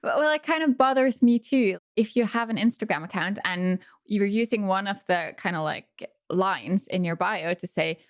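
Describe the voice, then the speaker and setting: A woman hosting a podcast interview, asking questions and responding in a friendly, soft-spoken way. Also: medium pitch, normal speed, hardly any pauses, no room sound, clean studio sound. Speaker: podcast host. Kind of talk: casual interview talk.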